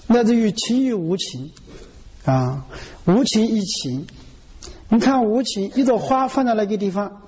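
A man's voice: sits high, mellow, slightly rough, in a large hall. A man giving an earnest Buddhist sermon, often checking that listeners follow him. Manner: earnest, keeps asking "you know?". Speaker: Buddhist teacher.

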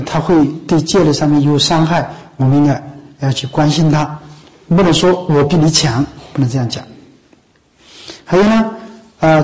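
Conversational monk giving a dharma talk. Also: male voice, fairly high pitch, poor audio. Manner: conversational, often asks "知道吗？" and "是不是？"; coughs now and then, a few restarts. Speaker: Buddhist monk teacher. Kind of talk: dharma talk to lay followers.

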